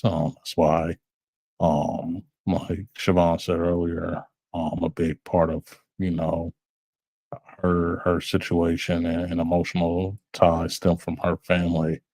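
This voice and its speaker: A man co-hosting a podcast, speaking in a halting, reflective way with many fillers, in a small dry room. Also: low voice, monotone, gravelly, darkish tone, no echo. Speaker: podcast co-host. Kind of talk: casual chat.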